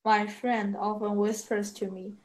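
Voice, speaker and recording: Woman student reading english lines slow and careful, pretty flat voice. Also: medium pitch, low-quality recording. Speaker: ESL student. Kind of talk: reading aloud in a lesson.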